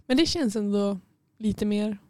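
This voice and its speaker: Mellow-voiced woman co-host asking questions. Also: mid-range voice, no room sound. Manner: curious, hedging, talks in fillers like "alltså". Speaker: podcast co-host. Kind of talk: casual chat. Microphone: studio mic.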